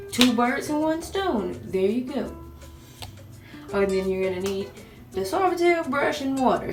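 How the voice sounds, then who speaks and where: A woman with a high voice, recorded roughly and far from the mic, gives a casual how-to. She's joking, profane, and self-mocking, and keeps asking "you know?" as she chats through the tutorial.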